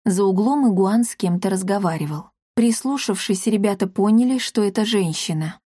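A woman's voice: mid-range voice, moderate pace, warm tone, breathy edge, no echo. Woman narrator, mid-range voice, dry close sound; storybook reading. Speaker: audiobook narrator. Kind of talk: scripted narration.

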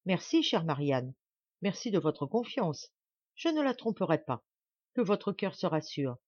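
Brief: woman narrator playing a fiery young aristocrat, lively exclaiming delivery, audiobook, dry lo-fi sound. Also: on the low side, normal speed, slightly rough, no echo. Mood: excited. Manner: ardent, rising exclamations. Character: young nobleman, impulsive and passionate.

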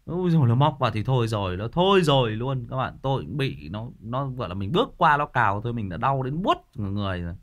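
Animated man telling a story. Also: medium pitch, quick pace, hardly any pauses. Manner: animated, rambling, with repeated words and asides to listeners. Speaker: storyteller host. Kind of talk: casual spoken storytelling to a live audience.

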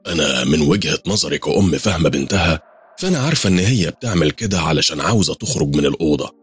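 A man's voice: a bass voice, a bit bright, breathy edge. A man with an Egyptian accent narrating a first-person horror story in a tense, confiding way.

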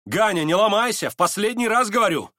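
A frantic, pushy man from a storybook reading, yelling shrilly, as a man does the voice. His cries jump high and stretch out. The sound is dry and near. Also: lively intonation, a little fast, no echo. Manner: shouting, shrill.

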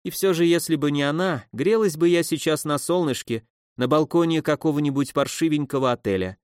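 A man's voice: fairly high pitch, brisk, clear, resonant tone, no room sound, clean studio sound, close to an everyday voice. Man voicing a sneering drunken old woman. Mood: sardonic. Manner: sneering, scolding, loudly theatrical.

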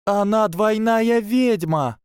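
A man voicing a shrill, hysterical schoolgirl witch, shrieking until the voice cracks. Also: very slow, dark tone, smooth, dry recording, clean studio sound.

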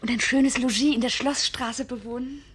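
A woman's voice: sits high, steady tone, normal speed, slightly rough. An actress playing a lovesick, naive young girl in a radio play, girlish and earnest. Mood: dreamy, confiding.

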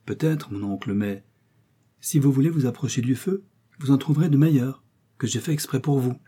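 A man's voice: medium pitch, moderate pace, breathy edge, voice pushed up, natural voice. A man reading a modest young orphan girl. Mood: polite. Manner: gentle, modest.

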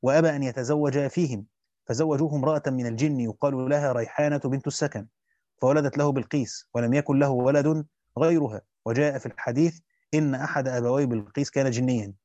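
A man's voice: mid-range voice, fairly even intonation, fast talker, dark tone, no room sound. A man reading a classical commentary aloud to students and adding brief spoken asides. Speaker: teacher reading a Quran commentary. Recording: dry dull lo-fi recording.

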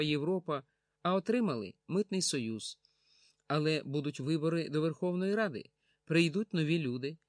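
A man's voice: fairly high pitch, no echo, clean studio sound, lightly acted. A man voicing a grumbling, pessimistic old man who lectures and sneers. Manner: gloomy, lecturing, sarcastic.

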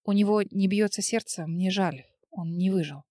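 A woman's voice: mid-range voice, moderate pace, mellow, no echo, clean studio sound, close to an everyday voice. A woman voicing a stern female gynecologist who delivers bad news in a grave, clinical way.

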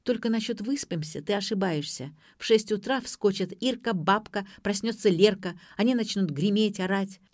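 A woman's voice: mid-range voice, moderate pace, few pauses, a little mellow, no echo, clean studio sound, pitched above the performer's own voice, lightly acted. A woman voicing a brash, pushy young woman who talks in snappy, slangy retorts in an audiobook. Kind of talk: audiobook character voice.

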